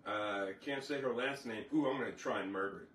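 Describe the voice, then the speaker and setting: A man's voice: medium pitch, a little fast, fairly bright tone, distant mic. A man co-hosting a live stream chats in a laid-back, rambling way as he reads out viewer comments. He sits well back from the mic, so his voice sounds roomy, with faint noise behind it. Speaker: co-host reading viewer comments. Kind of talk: casual live-stream chat.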